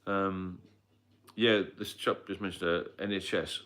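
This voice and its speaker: A man's voice: low voice, steady tone, unhurried, a bit bright. A middle-aged British man with a British accent, hosting a rambling, casual live stream about staying sober, with frequent fillers and coughs. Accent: British English. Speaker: livestream host, sobriety mentor.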